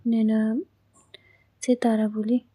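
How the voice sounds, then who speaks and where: A woman reads a story aloud in a plain, steady way, stumbling and restarting now and then. Her voice sits a little high and sounds soft and mellow, with very little rise and fall. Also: slow, husky. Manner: plain, even reading with small restarts. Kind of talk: read-aloud story narration.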